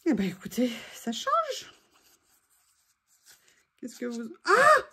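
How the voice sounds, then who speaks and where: High-pitched woman craft vlogger, chatty and playful, at home. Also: wildly swooping pitch, takes it slowly, pushed and bright, husky. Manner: chatty and playful, teasing asides to her dog. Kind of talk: casual chat while making a collage.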